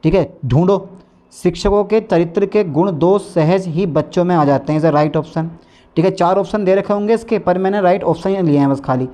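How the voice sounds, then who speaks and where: Speaking with a north Indian Hindi accent, a man runs an exam-prep lesson in coaching-class style, coaxing and urging his students to read along. His voice sits high and brisk, with a warm tone.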